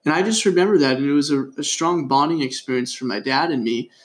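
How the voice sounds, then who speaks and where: Young man from California, slightly high. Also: fast talker. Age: young adult. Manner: storytelling, with frequent fillers. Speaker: podcast co-host. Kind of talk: casual sports chat.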